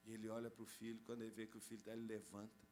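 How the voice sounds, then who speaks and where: A man preaching a storytelling sermon, animated and conversational, joking with the congregation. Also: lowish voice, rapid-fire, a little hiss or hum. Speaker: pastor.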